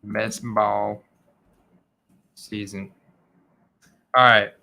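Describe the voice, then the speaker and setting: Man, livestream host, bright sharp voice, unhurried pace, casual informal chat, medium pitch. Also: level tone, gravelly. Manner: informal, addresses viewers as guys.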